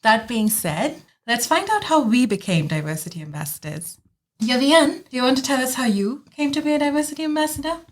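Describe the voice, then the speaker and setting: A young woman from India, a student co-hosting a podcast, speaking in a measured way from prepared remarks. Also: sits high, animated. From West Bengal, India. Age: young adult. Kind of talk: scripted podcast talk.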